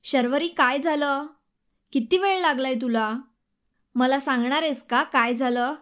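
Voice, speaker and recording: A woman voicing a caring young husband in an audiobook, gentle and coaxing. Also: high-pitched, measured pace. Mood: worried. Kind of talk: audiobook dialogue reading.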